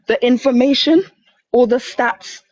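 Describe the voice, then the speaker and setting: A woman's voice: on the high side, measured pace, darkish tone, lo-fi sound. A woman calling into a live debate while walking with bags, out of breath, pressing insistent questions. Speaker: debate caller. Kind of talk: heated live call-in debate.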